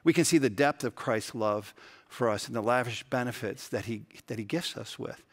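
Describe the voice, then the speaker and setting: A man delivers a church sermon with an earnest, conversational warmth of storytelling. His voice sits in an ordinary middle pitch. He shifts easily between anecdote and scripture. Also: moderate pace. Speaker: pastor. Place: church sanctuary.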